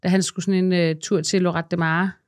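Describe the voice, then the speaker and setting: A young adult woman chatting as a podcast guest, telling stories in a lively way and acting out what people said. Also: lowish voice. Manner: lively storytelling, acting out quotes. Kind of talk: casual podcast chat.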